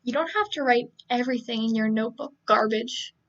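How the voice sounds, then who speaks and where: A woman's voice: fairly high pitch, fairly quick, distant mic, dull audio, natural voice. Curt scornful boy, read by a woman. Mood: cold, scornful. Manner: curt, insulting, flat delivery. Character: sharp-tongued teenage boy, cold and dismissive.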